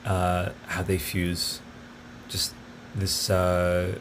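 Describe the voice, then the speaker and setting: A man's voice: deep voice, completely flat delivery, extremely slow, a bit bright, slight background noise. A man hosting his own podcast, talking casually and enthusiastically, full of fillers and tangents. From grew up partly in Italy. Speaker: podcast host. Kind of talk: casual solo podcast talk.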